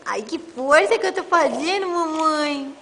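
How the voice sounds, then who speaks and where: A woman's voice: sits high, lively intonation, measured pace, a bit bright, heavily acted. A woman voicing her baby girl in whiny, sing-song baby talk, in an echoey room with faint noise. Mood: straining. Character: baby girl straining to grab a toy.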